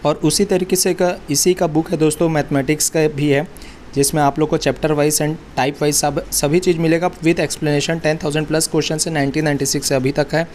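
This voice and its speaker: A man's voice: fairly high pitch, fairly even intonation, moderate pace, darkish tone, a little hiss or hum. A man hosting an interview, addressing viewers as friends and asking guests about their exam preparation. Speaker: interviewer and channel host. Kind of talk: casual interview and promotion.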